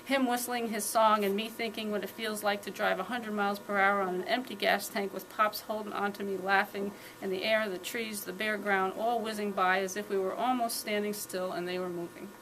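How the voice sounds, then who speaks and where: A woman reading her own first-person fiction aloud at a live reading, with calm, steady storytelling. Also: medium pitch, brisk, hardly any pauses, a little hiss or hum, poor audio.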